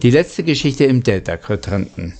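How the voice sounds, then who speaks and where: A man with a medium-pitched, sing-song, somewhat dark voice narrates a storybook for his channel as an audiobook reader. His reading is halting, marked by occasional stumbles and misreadings.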